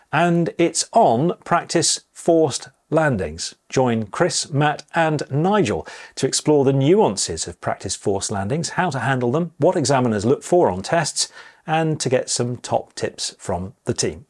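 A man's voice: medium pitch, slightly rough. A man presenting a monthly pilot news briefing, reading a script in a chatty way with wry asides.

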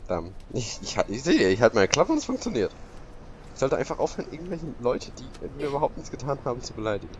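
A man commentating his gameplay with a lively pitch that jumps up and down. He is sarcastic, cries out often and talks straight to his viewers. A faint noise hums behind him. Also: fast. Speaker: let's play commentator. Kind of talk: gaming commentary.

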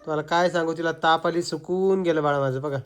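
A man's voice: fairly high pitch, steady tone, fast, smooth. A man chatting to viewers in a casual family vlog and coaxing the children. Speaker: family vlogger. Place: crowded family home indoors. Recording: crowded noisy family room.

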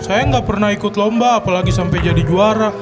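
A man's voice: high voice, brisk, lightly acted. A young man playing an aloof, curt, bookish young man in a stage parody, speaking stiffly and formally. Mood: curt, annoyed. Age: young adult. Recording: live stage, music and crowd behind.

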